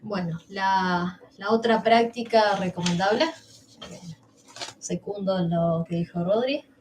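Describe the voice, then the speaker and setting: A woman's voice: medium pitch, takes it slowly, a little hiss or hum. A young woman with a Rioplatense Spanish accent co-hosting a livestream workshop, explaining in a chatty, self-interrupting way. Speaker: workshop co-host. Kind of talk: casual teaching on a livestream.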